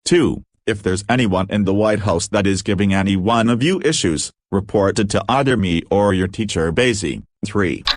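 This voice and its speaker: A man plays a speechy cartoon president who lays out rules and history. The voice is slightly low and recorded dry. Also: normal speed, hardly any pauses, no echo, close to an everyday voice. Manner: speechy, formal. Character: man, the country's president, formal and proud.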